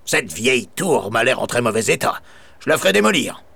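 Man playing a grouchy haughty baron, curt, husky voice, storybook. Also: medium pitch, big pitch swings, a little fast, sharp tone, heavily acted. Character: grumpy little baron who hates children.

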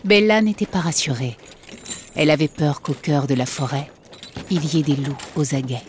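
A woman narrating a children's audiobook in a slow, expressive storytelling manner. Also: deep voice, a little hiss or hum.

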